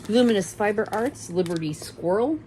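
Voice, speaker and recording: A woman's voice: mid-range voice, animated, normal speed, dark tone, a little hiss or hum, low-quality recording. A middle-aged woman chatting casually and rambling a bit as she shows off her craft kits, often correcting herself mid-sentence. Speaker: cross-stitch vlogger. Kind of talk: casual show-and-tell chat.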